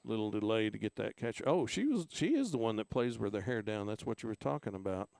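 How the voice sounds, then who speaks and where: A man from Oklahoma calling play-by-play for a local high school softball game in a relaxed, conversational way. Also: quick pace, gravelly, no echo. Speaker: play-by-play announcer.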